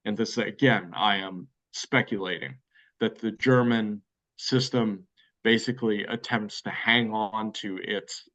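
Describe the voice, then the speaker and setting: A man's voice: fairly low pitch, muffled recording. An American man answering interview questions at length, thoughtful and hedging, with many fillers and restarts. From United States. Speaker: guest expert.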